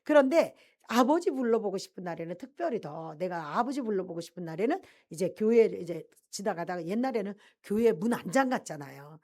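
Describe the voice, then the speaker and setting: Middle-aged lady pastor telling her story in a sermon, voice bounces up and down, really animated. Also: mid-range voice, brisk, few pauses. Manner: animated storytelling, swells with emotion. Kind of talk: personal testimony sermon.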